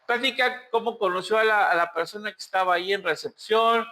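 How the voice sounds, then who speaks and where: A male pastor with a Mexican Spanish accent delivers a sermon as a lively story. His voice sits high and sounds bright and forward. He acts out the characters' lines as he narrates. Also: fairly quick. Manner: animated storyteller acting out voices. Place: church.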